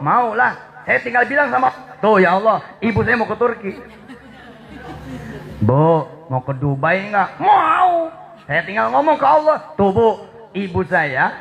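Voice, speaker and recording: A man's voice: sits high, vocal fry, a bit bright, low-quality recording. A man preaching a sermon, teasing the crowd playfully and acting out little dialogues. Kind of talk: Islamic sermon.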